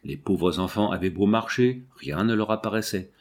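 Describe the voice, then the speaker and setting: A man narrating a children's storybook in a measured, expressive read-aloud. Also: fairly low pitch. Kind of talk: storybook reading.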